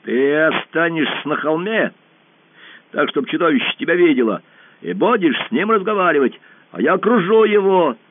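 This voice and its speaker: A man's voice: a little high, lively intonation, moderate pace, no room sound, pitched above the performer's own voice. A man voicing a bold, boastful young boy who talks with brash bravado, heard over a narrow phone-like band. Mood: scheming.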